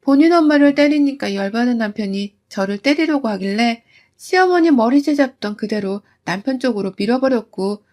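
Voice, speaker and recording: A woman calmly recounting a personal story as narration, in a matter-of-fact way. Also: a little high, fairly quick.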